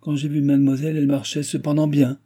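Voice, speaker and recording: A man's voice: medium pitch, fast talker, warm tone, husky, natural voice. A man voicing a sly young chambermaid in an audiobook, talking in a sugary, insinuating way. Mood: sneering.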